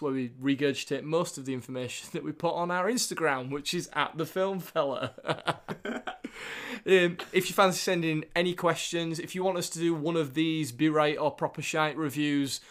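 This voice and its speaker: A man with a Northern English accent hosting a film podcast in an informal, jokey, sweary chat style. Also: on the high side. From England. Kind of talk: casual chat.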